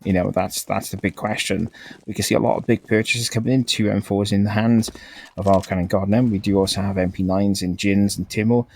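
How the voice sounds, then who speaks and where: Low-voiced guy casting a game live, chill and rambly, laughs a lot. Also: fairly even intonation, fairly quick, vocal fry, a little mellow, breathy edge. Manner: laid-back, rambling, laughs often. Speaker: esports caster.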